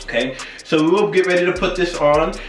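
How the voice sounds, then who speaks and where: A man's voice: sits high, brisk. A man chatting casually as host of a cooking video, tipsy and rambling, often losing his train of thought. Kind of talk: casual cooking vlog chat. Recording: roomy echo, distant mic, faint music.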